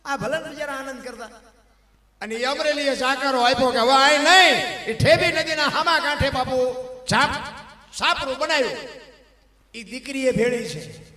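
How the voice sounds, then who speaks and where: A man telling devotional stories in a satsang sermon, fervent and often swelling into loud, emphatic cries. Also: very high-pitched, normal speed, pauses often. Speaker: devotional storyteller. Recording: echoey hall with long reverb.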